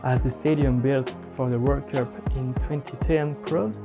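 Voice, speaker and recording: A man whose first language is French, narrating a travel documentary in a measured, scripted way. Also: mid-range voice, fairly even intonation. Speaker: documentary host. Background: music under the narration.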